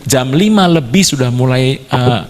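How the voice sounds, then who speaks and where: A male pastor preaching a sermon, telling a story with lively sound effects. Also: mid-range voice, measured pace, big-room sound.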